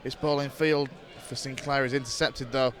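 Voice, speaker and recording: A man calling live football play-by-play for an internet club radio stream, brisk and steady, rising sharply when a chance comes. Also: medium pitch. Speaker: football commentator.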